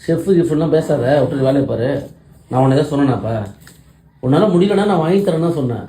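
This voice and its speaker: A man's voice: a little high, expressive, fast, mellow. A man arguing with his wife at home in an insistent, scolding way, repeating his points. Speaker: husband in a couple skit. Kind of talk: casual domestic argument. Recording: echoey room.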